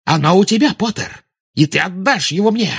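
A man voicing a frantic, fanatical female witch with a shrill, shrieking voice. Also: lively intonation, normal speed, a bit bright, slightly rough, heavily acted.

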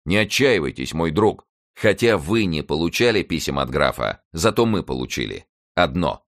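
A man playing a wily, commanding middle-aged musketeer with a brisk, blustering manner. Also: extremely low pitch, big pitch swings, fairly bright tone, full character voice. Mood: reassuring.

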